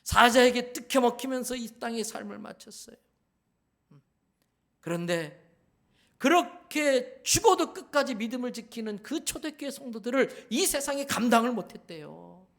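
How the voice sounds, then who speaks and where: A man's voice: extremely high pitch, animated, moderate pace, gravelly, fairly bright tone. A man preaching a sermon as a pastor, emphatic, repeating key phrases and asking the congregation questions. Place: church sanctuary.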